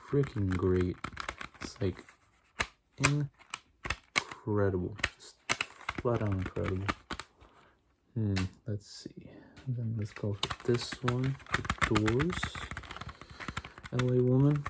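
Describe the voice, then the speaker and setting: A young adult man doing a fast, aggressive ASMR ramble in a casual, repetitive, enthusiastic way. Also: lowish voice. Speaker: ASMR video creator. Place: small bedroom, indoors. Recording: noisy room, clicking and tapping. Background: tapping and clicking on CD cases.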